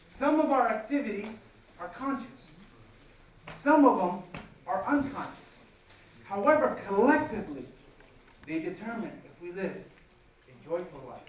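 A man giving a formal motivational speech in a deliberate, rehearsed-sounding way, in short measured phrases with dramatic pauses. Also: high voice. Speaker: guest speaker at a speech competition. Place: large auditorium stage, indoors. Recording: very echoey hall, distant, faint noise.

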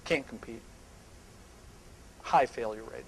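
A middle-aged man speaking at a live seminar on a small indoor stage, emphatic and animated, sometimes dropping to hushed asides. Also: medium pitch, slow, creaky, a little hiss or hum, low-quality recording.

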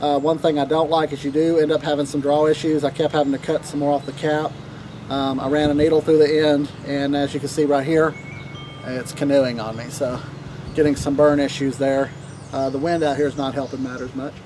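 A man with a Southern accent chatting casually to camera about cigars, relaxed and rambling with lots of fillers, recorded outdoors on a deck. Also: fairly high pitch, brisk, noisy background. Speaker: cigar vlogger.

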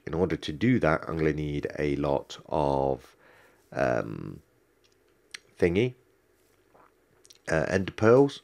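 A man with a very deep, darkish voice rambles through casual let's-play gameplay commentary. He has a cold and a stuffy nose, and his talk is full of ums and restarts.

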